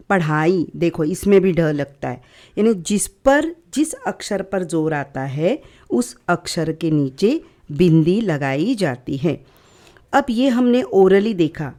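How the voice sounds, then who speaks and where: A woman teaching young children a lesson, drilling sounds one by one in a slow, patient way and mixing in English words. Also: medium pitch, dark tone.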